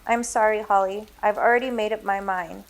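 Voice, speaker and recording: Gentle, firm young mom, read by a woman, soothing, a little gravelly, storybook reading. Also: mid-range voice, fairly even intonation, brisk, lightly acted, poor audio.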